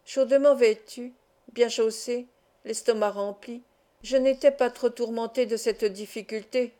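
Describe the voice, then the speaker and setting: A woman narrating a classic novel as an audiobook reader, calm and measured. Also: on the high side.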